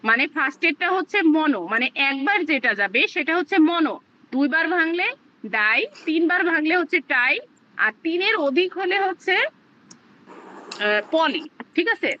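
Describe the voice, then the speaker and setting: A woman's voice: sits high, lively intonation, moderate pace, highs cut off. A woman teaching a live online class, explaining step by step with plenty of fillers. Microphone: video call.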